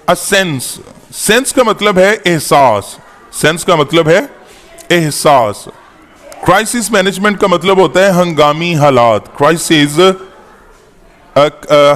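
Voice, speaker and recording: A man teaching an English-to-Urdu lesson, slowly repeating each word and its meaning. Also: a little high, fairly bright tone, long reverb tail. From Pakistan. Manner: spells out words slowly, repeating each one.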